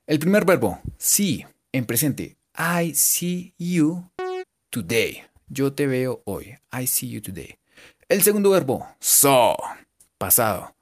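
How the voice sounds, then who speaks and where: A man giving a casual, joking English lesson and repeating English words slowly for his students. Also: medium pitch, big pitch swings. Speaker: English teacher. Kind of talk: casual bilingual language lesson.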